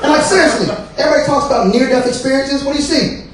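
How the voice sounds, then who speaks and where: A man's voice: extremely high pitch, very fast. A male stand-up comedian from the American South, telling a profane, rambling set full of fillers. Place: comedy club stage. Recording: very echoey club, mic distant, crowd laughter. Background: audience laughter.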